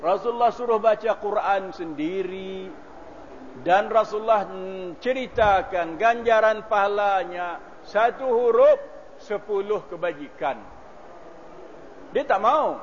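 A man preaches in a slightly raised voice and weaves lively stories into his sermon. He clears his throat now and then. The recording is dull and lo-fi, with a faint hiss underneath. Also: sits high. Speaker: religious preacher. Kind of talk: storytelling sermon.

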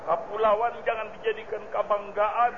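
A man's voice: high-pitched, flat delivery, normal speed. A man teaching a religious study lesson on a hadith text, emphatic and asking and answering his own questions. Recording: muffled lo-fi recording with clear background noise.

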